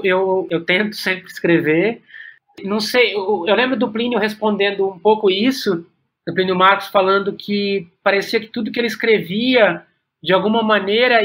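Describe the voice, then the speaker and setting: A Brazilian playwright and director, appearing as a podcast guest, answers interview questions with a Brazilian Portuguese accent. His high-pitched, sharp voice sounds reflective and halting, often pausing to repeat a word as he thinks aloud before completing his thought.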